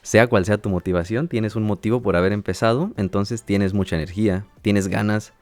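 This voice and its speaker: This is an educational podcast monologue by a language teacher and host, a man whose first language is Spanish. His low voice stays calm and measured, broken up by teacherly check-ins and light laughs, with soft music playing in the background.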